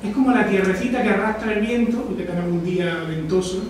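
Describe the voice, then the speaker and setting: A little hiss or hum sits under this recording of an Almería-born lecturer, captured from afar in a reverberant hall. He talks at a quick pace in a high voice, reflecting aloud and regularly questioning his audience.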